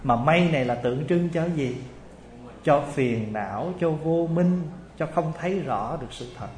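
A lively monk telling a story in an echoey hall. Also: male voice, fairly high pitch, moderate pace, slight background noise. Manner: animated storyteller acting out voices, laughing with the audience. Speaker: Buddhist monk giving a dharma talk. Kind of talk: storytelling sermon.

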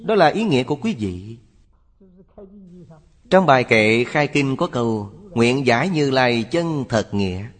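A man giving a Buddhist sermon in a measured, lecturing cadence. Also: mid-range voice. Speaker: Buddhist teacher. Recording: long hall reverb.

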